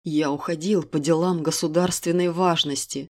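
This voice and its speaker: A woman voicing a grim, furious king who talks in a low, cold, clipped way in an audiobook. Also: steady tone, normal speed, a little mellow. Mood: angry. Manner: low, icy, clipped delivery.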